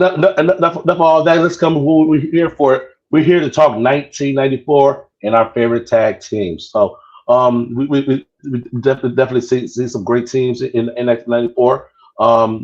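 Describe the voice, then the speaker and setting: A man's voice: medium pitch, fairly even intonation, a little fast, a little mellow, dull audio. A man hosting a casual podcast chat from a cruise ship, stammering and repeating his words. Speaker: podcast host.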